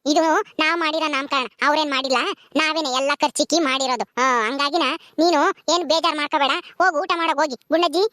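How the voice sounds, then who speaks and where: A brisk, high-pitched village matron, as a woman acts her talks fast and orders everyone about. She is loudly protective of her friend. The sound is close and dry, with no room echo. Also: fairly even intonation. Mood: defensive. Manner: scolding, protective, commanding. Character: outspoken middle-aged village woman. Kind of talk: village family drama acting.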